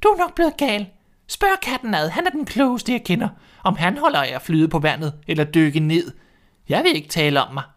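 A man voicing a bossy, self-important old hen in a storybook reading, scolding and lecturing in a shrill voice. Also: sing-song, fairly bright tone.

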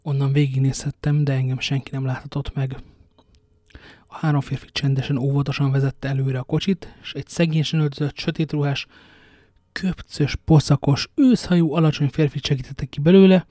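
A man's voice: mid-range voice, fairly even intonation, mellow, no room sound, clean studio sound, close to an everyday voice. A man reading the part of a kindly old witness who recounts a kidnapping and reassures a young man. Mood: recounting. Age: older.

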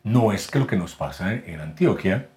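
A man with a paisa accent from Medellín speaks as a podcast guest, explaining things at length in a somewhat low voice. He often restarts his sentences and repeats words while he searches for the right phrasing. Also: lively intonation, normal speed, a little mellow. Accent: Colombian paisa (Medellín). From Medellín, Colombia. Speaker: guest voice actor and announcer. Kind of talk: casual podcast interview.

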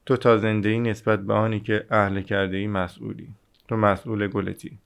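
A man reading the part of a wise, gentle fox in an audiobook, calm and instructive. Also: on the low side, vocal fry, clean tone.

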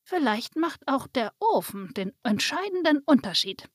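A woman voicing a small, plump, grandmotherly female Christmas fairy who talks slowly and gently. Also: high voice, sing-song, dry recording, studio quality. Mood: thoughtful.

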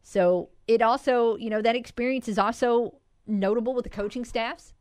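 A woman's voice: fairly high pitch, normal speed, darkish tone, clean tone, no echo, clean studio sound. A woman hosting a sports talk radio show, breaking down stats in a conversational way and taking calls. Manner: conversational, stat-driven analysis.

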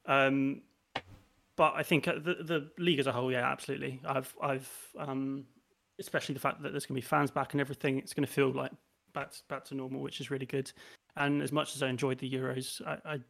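A man's voice: mid-range voice, flat delivery, fast talker, vocal fry, a bit bright. A man chatting on a podcast, stammering and repeating words as he talks. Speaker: podcast co-host. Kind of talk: casual podcast chat.

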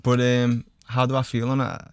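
A man's voice: medium pitch, monotone, moderate pace, vocal fry, smooth, dry recording. A man speaking as a podcast guest, casually and earnestly explaining his ideas and often checking that he is understood. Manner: earnest explainer, often checks "you know what I mean". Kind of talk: casual, philosophical chat. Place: podcast studio.

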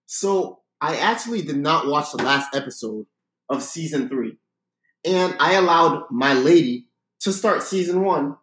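Young male co-host, lightly high voice, casual delivery, very roomy sound. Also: animated, measured pace, fairly bright tone, slight background noise. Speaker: podcast co-host. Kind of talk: casual chat. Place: basement, indoors. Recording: echoey basement room.

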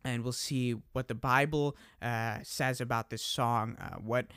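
Through a desk microphone in a clean studio with no room sound, a young male podcast host speaks at medium pitch in a steady, unhurried way. His tone is clear, resonant and a bit bright, and his relaxed delivery comes with self-directed laughter and frequent fillers.

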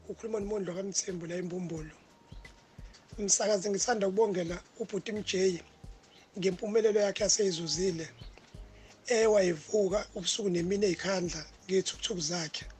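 A man's voice: high-pitched, steady tone, fast, a little mellow. A South African man with a Zulu accent, leaving a congratulatory voice note for a radio show. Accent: South African Zulu-language.

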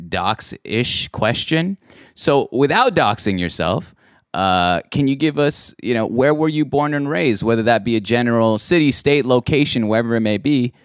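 A man's voice: mid-range voice, clear, resonant tone, no room sound, studio quality. A man hosting a casual interview, talking in a friendly, reassuring way with many fillers.

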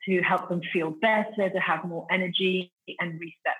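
A middle-aged woman from Italy, raised in the UK, answers interview questions as a company founder, explaining things articulately with frequent "you know" and restarts. Her lowish voice is steady, fairly bright and breathy at a moderate pace, on a low-quality recording.

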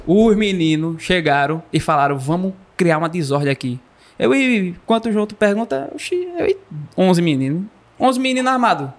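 A man from Pernambuco with a Pernambuco accent, telling a comic story in the first person with playful, animated delivery. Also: high voice, moderate pace. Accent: Pernambuco Brazilian Portuguese. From Pernambuco, Brazil. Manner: playful, animated, jokey delivery with acted sound effects. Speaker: storyteller guest.

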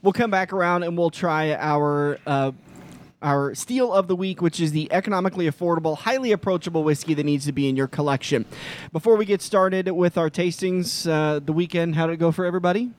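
A man hosting a casual whiskey podcast, chatty and quick to laugh. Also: fairly high pitch. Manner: loose, chatty, laughs easily. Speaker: podcast host. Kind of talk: casual chat.

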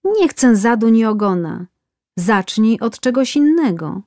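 A woman's voice: fairly high pitch, big pitch swings, measured pace, warm tone, no room sound, studio quality, pitched above the performer's own voice. A woman voicing a whining man getting a tattoo, complaining and pleading in a storybook tale. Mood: pained.

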